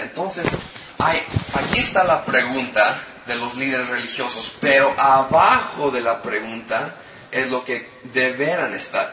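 A man's voice: medium pitch, bright, forceful tone. Man, pastor, sermon, questions to congregation, distant mic, roomy. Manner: explains scripture with questions to the congregation. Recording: echoey hall from far off with noise.

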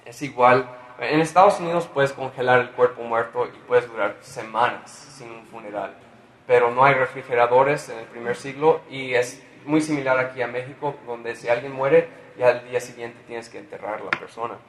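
A man's voice: medium pitch, normal speed, slight background noise. Man preaching in an echoey room. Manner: lively, conversational, with asides and fillers. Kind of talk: sermon. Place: church in Mexico.

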